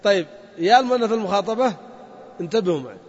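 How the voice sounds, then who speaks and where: High-voiced man teaching in an echoey hall. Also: expressive, racing. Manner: methodical, repeats points and quizzes students. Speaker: grammar teacher. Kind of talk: classroom grammar lesson. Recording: dull lo-fi sound in a reverberant hall.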